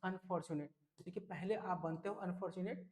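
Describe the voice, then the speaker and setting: A man teaching English vocabulary for an entrance exam, lively and repetitive, often checking whether students follow. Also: high-pitched, fairly quick. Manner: lively, repeats key words, asks "clear?" often. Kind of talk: exam-prep vocabulary lesson.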